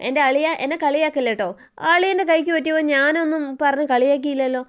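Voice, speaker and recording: Woman doing a sulky whiny guy, complaining, higher voice. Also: fast, natural voice. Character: whiny injured young man.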